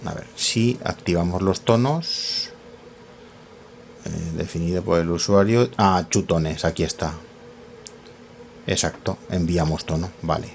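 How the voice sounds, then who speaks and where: A man's voice: deep voice, a little slow, creaky, pauses often, a little hiss or hum. A man demonstrating radio test equipment in a workshop, talking casually and thinking aloud, often correcting himself with fillers. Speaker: radio equipment tutorial host.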